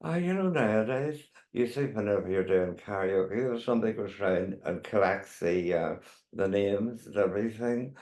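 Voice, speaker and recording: A man's voice: fairly low pitch, lively intonation, moderate pace, darkish tone. An older man with a Northern Irish accent, a drag performer reminiscing in a rambling, chatty way as an interview guest. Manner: rambling, chatty storytelling with repeated tags. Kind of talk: casual reminiscing chat. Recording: echoey room.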